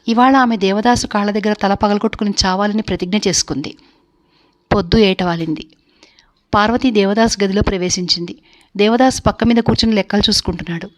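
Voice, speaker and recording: A woman storyteller reading a novel aloud, her narration steady and measured. She carries the story line by line with even care. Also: mid-range voice.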